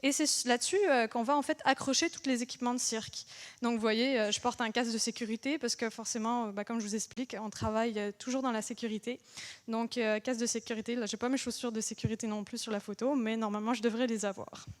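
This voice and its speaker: A young woman from France gives an interactive engineering lecture in a French accent. Her voice sits a little high. She speaks loosely and chattily, often pausing on fillers to check in with her listeners. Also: fairly even intonation. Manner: chatty, asks the audience questions, many fillers. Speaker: engineer giving a public lecture. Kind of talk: interactive public talk.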